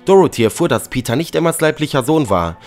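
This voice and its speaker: A man narrating a dramatic story in a lively reading tone. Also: on the high side, quick pace. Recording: faint background music.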